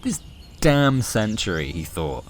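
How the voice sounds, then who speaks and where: A man with a fairly low voice reads slowly in a sing-song way. He narrates scripted comic science fiction as a storyteller, his delivery wry and dramatic.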